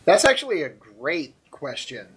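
An American man co-hosting a casual podcast, talking excitedly with stammered restarts and frequent laughter. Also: on the high side, measured pace, husky. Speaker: podcast co-host. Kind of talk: casual wrestling recap chat.

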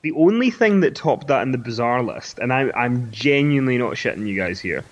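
A man with a Scottish accent, co-hosting a casual podcast chat, telling stories in a relaxed way with hesitant restarts. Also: mid-range voice, brisk, lo-fi sound. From Scotland. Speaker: podcast co-host. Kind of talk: casual wrestling recap chat.

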